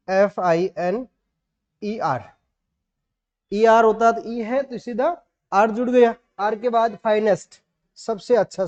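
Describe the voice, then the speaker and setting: With a voice that sits high and sounds slightly mellow, this man, who has a Rajasthani Indian accent, leads an online grammar lesson. He explains each rule step by step and spells words letter by letter, captured in dull lo-fi audio.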